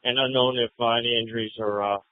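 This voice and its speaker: A man giving a halting procedural report over police radio on a narrowband scanner feed. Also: mid-range voice, fairly even intonation.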